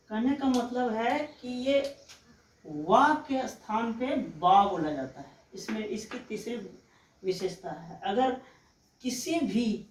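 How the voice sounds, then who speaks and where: A woman teacher giving a slow, explanatory exam-prep lecture, often pausing to check that students follow. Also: mid-range voice. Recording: echoey room, mic far off.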